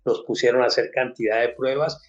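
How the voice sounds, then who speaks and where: A man's voice: medium pitch, flat delivery, fairly quick, lo-fi sound. An older man with a Colombian accent, giving an emotional personal faith testimony and acting out the people in his story.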